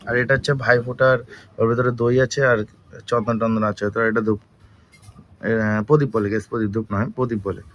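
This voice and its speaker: A hoarse young man with a cold, vlogging from home on a phone and chatting straight to his viewers. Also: mid-range voice, steady tone, brisk, pauses often, a bit bright, highs cut off, a little hiss or hum. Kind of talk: casual daily vlog. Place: at home, indoors.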